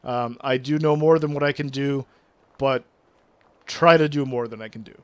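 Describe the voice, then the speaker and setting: In a dry recording, a man speaks at normal speed with a mid-range voice and steady tone. A native French speaker with a regional accent, he chats casually with viewers during a game stream, reading their messages out loud and favoring big words.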